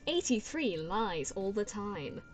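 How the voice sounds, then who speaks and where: A woman's voice: medium pitch, very animated, slow pace, music in the background. Woman doing a glitching robot voice. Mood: smug menace. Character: glitching female robot announcing self-destruct. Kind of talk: playful livestream roleplay.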